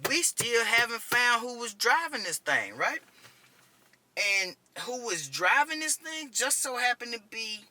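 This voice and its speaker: A man's voice: very high voice, sing-song, a little slow, pushed and bright. A man in his thirties, an army medic veteran, casually telling a war story in a profane, conversational way. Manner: profane, conversational, keeps asking "you know what I'm saying". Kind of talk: casual first-person storytelling.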